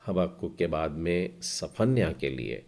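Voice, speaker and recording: A man teaching a Hebrew class, spelling out letters and vowel marks one by one in a slow, explanatory way. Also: sits low, expressive, darkish tone.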